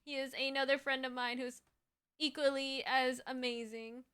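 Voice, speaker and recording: This woman, a VTuber hosting a laid-back livestream, sounds friendly and upbeat yet slightly worn, her voice turning a little raspy with fatigue. Her high voice is delivered flatly at normal speed, clean in tone and a bit bright.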